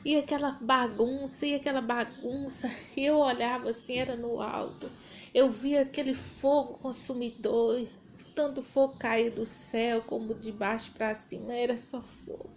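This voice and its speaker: A woman's voice: fairly high pitch, fairly even intonation, normal speed, a little hiss or hum. A woman giving a fervent, repetitive religious testimony, breaking into prayer as she tells it. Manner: fervent, repetitive, prays aloud mid-story. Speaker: church member giving testimony.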